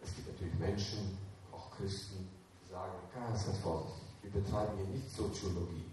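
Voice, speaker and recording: A man preaches in a mellow, low-toned voice, pressing his points on the listeners with direct commands and questions. He sounds distant from the microphone in a strongly echoing hall with faint room noise behind him. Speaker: preacher speaking to young people. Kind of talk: sermon.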